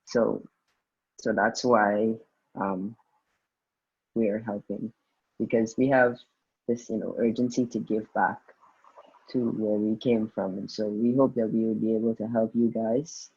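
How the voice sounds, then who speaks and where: Husky man tutoring. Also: lowish voice, fairly even intonation, unhurried, pauses often, a little mellow, dull audio. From Guyana, raised in the Bahamas. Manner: informal and hesitant, with frequent restarts. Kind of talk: online tutoring session. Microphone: video call.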